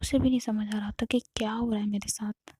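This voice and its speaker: A woman telling a love story in soft, half-whispered narration. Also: mid-range voice, steady tone, a little fast, breathy edge, no room sound.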